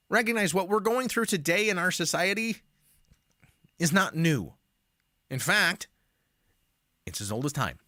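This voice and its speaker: A man's voice: fairly high pitch, bright, forceful tone, no echo, studio quality. A man teaching a Bible study lesson, reading scripture aloud and commenting on it with emphasis.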